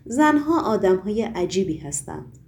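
A woman's voice: medium pitch, big pitch swings, creaky, darkish tone. Woman reading as a curt demon henchman. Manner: curt and impatient. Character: blunt, gruff demon henchman, male. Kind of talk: audiobook reading.

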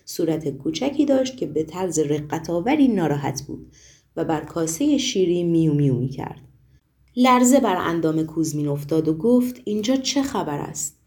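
A woman narrating a novel aloud in a measured, even reading style. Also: low voice. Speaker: audiobook narrator. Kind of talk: storybook narration.

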